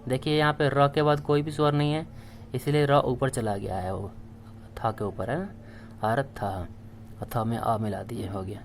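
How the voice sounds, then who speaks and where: A Sanskrit teacher, a man with a medium-pitched, fairly even voice, gives an unhurried classroom explanation. He patiently spells out letters one by one and repeats each word. There's slight background noise.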